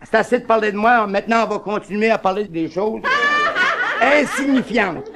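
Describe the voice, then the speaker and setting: A man telling bawdy tavern jokes with brisk punchlines and asides to the ladies. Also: sits high, a loud crowd, heavy background noise. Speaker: stand-up comedian.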